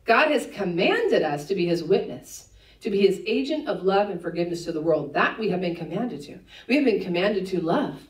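A woman pastor preaching a sermon to her congregation, conversational and teasing, with quick laughs in her asides. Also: on the low side, expressive, distant mic. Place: church sanctuary. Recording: echoey church room, voice a bit off-mic.

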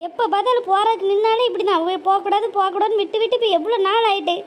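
A woman voicing a scheming, impatient grown daughter, scolding in a sharp, nagging way. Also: very high voice, racing. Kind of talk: cartoon voice acting.

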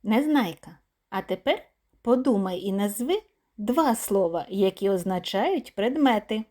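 Woman, kindergarten teacher, very slow and clear, melodic rise and fall. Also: medium pitch, animated, darkish tone. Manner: clear, deliberate word-by-word pronunciation. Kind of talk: slow, sing-song lesson for small children.

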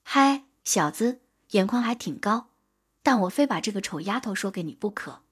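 A woman voicing a sly, coaxing middle-aged village man who talks slowly and wheedlingly, in an audiobook. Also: mid-range voice, expressive, husky.

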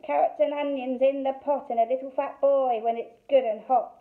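A woman's voice: on the high side, expressive, moderate pace. A woman voicing an ancient, greedy witch who eats children, with a crackly voice that coos and snaps, on a thin phone-like recording. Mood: gloating. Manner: cooing then snapping.

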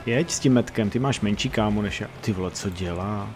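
A young man playing a tank game with friends, giving an excitable running commentary with a lot of swearing. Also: on the low side, slight background noise. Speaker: teammate in the game. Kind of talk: casual gaming chat.

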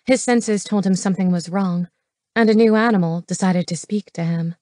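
A woman's voice: medium pitch, moderate pace, a little mellow, no room sound. Woman narrating an audiobook, dry and close. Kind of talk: scripted narration. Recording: dry studio voice.

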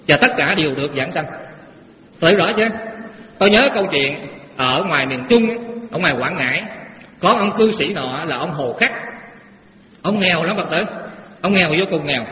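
A high-pitched male monk delivers a Dharma talk to a live audience, spinning folksy stories and throwing rhetorical questions at the listeners. His voice rings through a long-reverberating temple hall. The recording sounds dull and lo-fi, with a faint noise beneath it. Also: expressive, normal speed, pauses often. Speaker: Buddhist monk teaching lay followers.

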